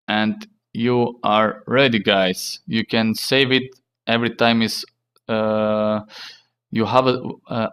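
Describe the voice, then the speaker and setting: A man hosting a casual tech tutorial in halting, non-native English, repeating himself and using fillers. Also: mid-range voice, fairly bright tone, smooth. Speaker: tech channel host.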